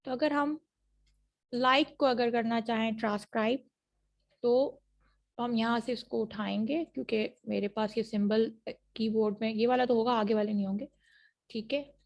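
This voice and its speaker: A woman teaching a phonetics class over a video call. She has a throat infection, models words slowly and keeps checking in with her students. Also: fairly high pitch, steady tone, darkish tone. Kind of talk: online class lecture. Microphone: computer mic on a video call.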